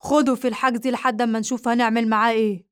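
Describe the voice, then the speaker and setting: A woman's voice: a little high, level tone, racing, fairly bright tone, clear, resonant tone, no room sound, studio quality, close to an everyday voice. A smug police captain, read by a woman. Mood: mocking.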